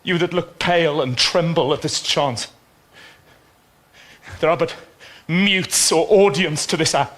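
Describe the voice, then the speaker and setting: An actor playing a poisoned, dying young prince in a classical Shakespearean drama, speaking in a halting, weakening deathbed manner. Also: male voice, a little high, a bit bright, a little hiss or hum. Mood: weary, fading. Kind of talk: classical Shakespearean stage acting.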